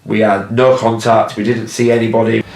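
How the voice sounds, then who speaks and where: A man's voice: on the low side, little pitch movement, normal speed, vocal fry, darkish tone. Candid young man. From Hull, England. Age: 20s. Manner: candid, casual, swears freely. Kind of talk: documentary interview. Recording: roomy sound with background music.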